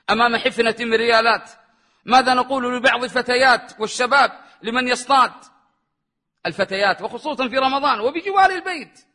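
Male preacher, sermon, high voice, bright tone, impassioned delivery, chanted verses. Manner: impassioned, rising pitch on questions, chants verses.

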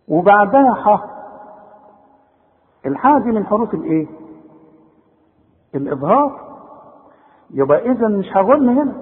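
A man with an Egyptian Arabic accent teaching Quran recitation rules in a chatty, coaxing way, slowly drawing out the example words. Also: high voice. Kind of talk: tajweed lesson with spoken demonstrations. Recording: tinny phone-like audio in a long reverb.

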